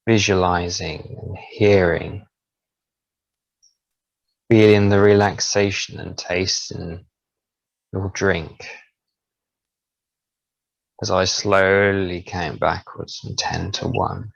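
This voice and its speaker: A deep, gravelly male voice guides a hypnosis relaxation at an extremely slow, soothing pace, drawing out every phrase. The recording is dull and lo-fi. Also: no echo.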